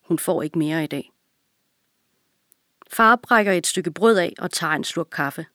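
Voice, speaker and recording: A woman narrating a children's audiobook in a calm, even storytelling manner. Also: lowish voice, no echo, clean studio sound.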